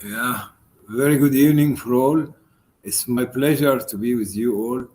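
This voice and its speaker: A man's voice: medium pitch, a little mellow. A man introducing himself courteously on a work video call. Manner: slow, courteous.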